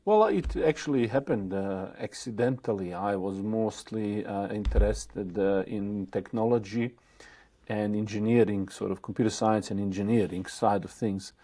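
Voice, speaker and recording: Guy from bosnia talking slow and careful, lots of ums, warm mellow voice. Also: fairly low pitch. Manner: thoughtful, halting, with many fillers and restarts. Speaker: guest. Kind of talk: interview answers.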